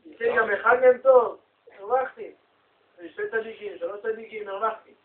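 A man speaks up in a classroom discussion, halting and hesitant as he works out his point. His voice is high. He sounds thin and distant, as if heard over a phone. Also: steady tone, narrow, tinny audio. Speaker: student.

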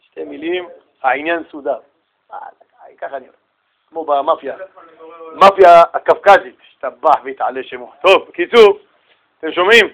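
A man teaching a religious class, telling everyday stories with animated little acted-out exchanges. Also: fairly high pitch, gravelly, pauses often. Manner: animated storytelling, acts out little dialogues. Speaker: rabbi giving a Torah class.

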